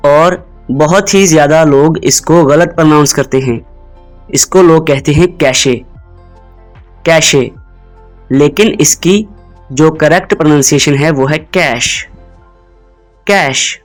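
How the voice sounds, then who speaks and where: A fairly high-voiced man, teaching pronunciation in an explainer lesson. He drills each word slowly and several times, inviting the listener to repeat after him. Faint music plays underneath. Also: rough recording. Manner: drills words slowly, repeats them, asks viewers to repeat. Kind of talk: instructional explainer.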